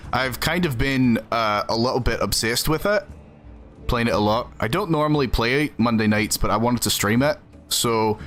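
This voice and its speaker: Medium in pitch and fairly bright, the voice belongs to a Southern U.S. gaming streamer. He's earnest and talkative, answering his live chat in between stretches of play.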